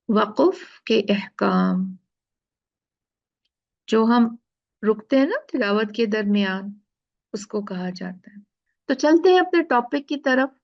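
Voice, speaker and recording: A woman teaching Quran recitation rules, explaining slowly step by step and often checking in with her listeners. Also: on the high side, vocal fry, dull audio. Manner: slow, explaining step by step with frequent "theek hai". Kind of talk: tajweed lesson.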